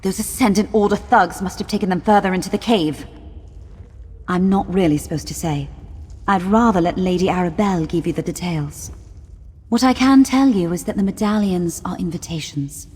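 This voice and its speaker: A woman's voice: on the low side, moderate pace, darkish tone, husky. A woman voicing an earnest, formal, indignant kidnapped enchanter in a fantasy video game, speaking articulately and with urgency. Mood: earnest, urgent. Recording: long cave-like reverb, slightly muddy.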